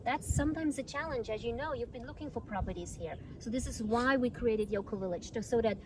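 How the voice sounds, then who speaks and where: A woman's voice: fairly high pitch, a little fast, background noise. A woman from Austria, a community manager and yoga teacher, answering interview questions fluently outdoors.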